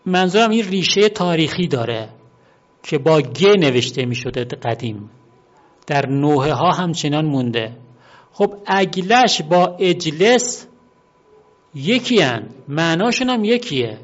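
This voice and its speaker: A man giving an unhurried, explanatory talk on word origins, often pausing to repeat and spell out words. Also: fairly high pitch, very animated. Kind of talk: explanatory monologue. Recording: dull lo-fi recording.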